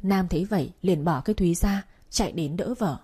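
Mellow-voiced woman narrating a story. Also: fairly low pitch, fairly quick, slightly rough.

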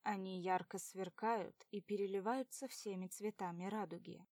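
A woman narrating an audiobook in a steady storytelling manner. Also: mid-range voice, moderate pace, no room sound, studio quality.

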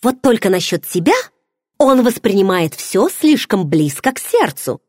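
A woman's voice: medium pitch, sing-song, a little slow, darkish tone, dry recording, clean studio sound. A woman voicing a playful, nosy young pregnant friend who teases with pushy questions. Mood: teasing. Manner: teasing, bubbly, pushy questions.

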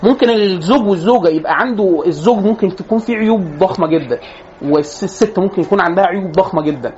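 An Egyptian man lecturing on psychology at a very fast clip, breezy and joking as he talks to his class. He keeps cutting himself off and starting over. The recording is dull and lo-fi with a faint hum of ambience behind him. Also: sits high, animated, a little mellow. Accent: Egyptian Arabic. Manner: chatty, joking, restarts mid-phrase.

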